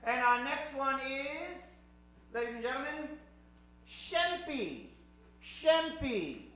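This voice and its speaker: Slow and sing-song, with a very high pitch and a fairly bright tone, a man presents a live improvised radio show on stage. He plays it showy and mock-formal like old-time radio, kidding with the audience, in an echoey theater recording.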